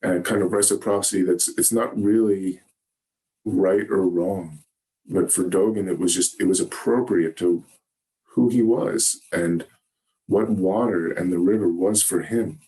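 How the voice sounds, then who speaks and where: A man giving a Zen dharma talk, gentle and halting, often pausing to search for words. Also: low-pitched. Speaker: Zen teacher. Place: meditation hall.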